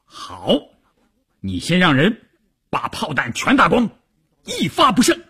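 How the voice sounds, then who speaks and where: A man voicing a hot-tempered army division commander who shouts orders and curses, with a husky voice. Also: high voice, wildly swooping pitch, takes it slowly, voice pushed up, exaggerated voice. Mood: furious commanding.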